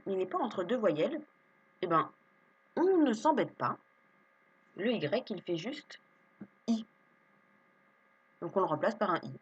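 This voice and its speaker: A woman teaches young children to read, drawing out each syllable slowly and patiently. Her voice sits low and a little husky, but it rises and falls a great deal as she stresses sounds. A faint electrical hum runs underneath. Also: dull audio. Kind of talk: reading lesson for young children.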